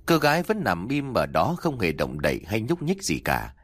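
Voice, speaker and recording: A man reading a dark folk tale aloud in a dramatic, expressive audiobook style. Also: on the low side, normal speed. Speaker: storyteller. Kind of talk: scripted audiobook narration. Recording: soft background music.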